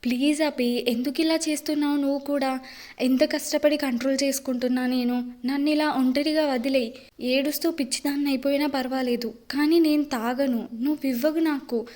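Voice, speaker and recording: A woman's voice: high voice, fairly even intonation, moderate pace, warm tone, lightly acted. A woman narrator voicing a tearful young wife who pleads through sobs in an audio love story. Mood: insistent. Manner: sobbing, pleading delivery. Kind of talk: audiobook character reading.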